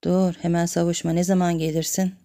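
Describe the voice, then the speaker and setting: A woman's voice: fairly low pitch, level tone, fairly quick, warm tone, close to an everyday voice. A woman voicing a jealous, demanding village woman who nags and accuses. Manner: nagging, accusing.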